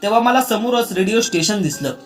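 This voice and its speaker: Man doing smitten cheerful young guy, storybook, high voice. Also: expressive, fairly quick, soft background music.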